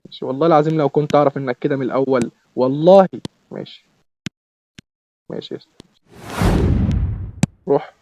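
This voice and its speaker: Excitable young Egyptian gamer, rapid-fire. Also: male voice, medium pitch, dull audio, background noise. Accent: Egyptian Arabic. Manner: excitable, shouts and repeats words in bursts. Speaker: gaming YouTuber. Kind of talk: live gameplay commentary.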